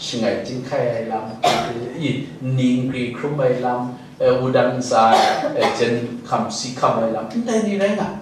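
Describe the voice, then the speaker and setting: A man's voice: mid-range voice, expressive, unhurried. A male pastor preaching a sermon, dropping English words into his speech now and then. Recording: very echoey hall, distant mic, faint noise.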